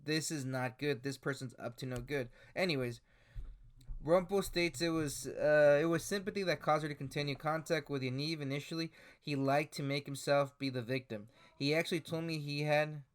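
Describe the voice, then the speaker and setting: A man in his twenties with a slightly high voice, speaking at normal speed, comments casually on screenshots and articles for his YouTube channel. His delivery is hesitant, packed with fillers and restarts.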